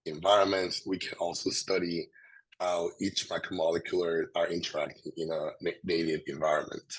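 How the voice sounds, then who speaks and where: A man with a hoarse, swollen sore-throat voice, giving a halting scientific presentation. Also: deep voice, low-quality recording. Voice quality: hoarse, husky. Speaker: presenter, researcher.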